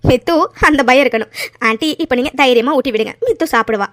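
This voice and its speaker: A woman's voice: high-pitched, quick pace, fairly bright tone, pitched below the performer's own voice. A woman voicing a cheeky young woman in a cartoon who teases her friend. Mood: teasing. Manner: teasing. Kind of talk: cartoon voice acting.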